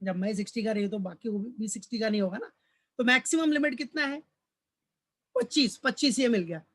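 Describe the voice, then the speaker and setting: A college commerce teacher gives a recorded tax lecture in blended Hindi and English, his voice pitched high, fairly quick and fairly bright. He's paternal with his students, addressing them as "beta," going over each point twice and answering his own questions.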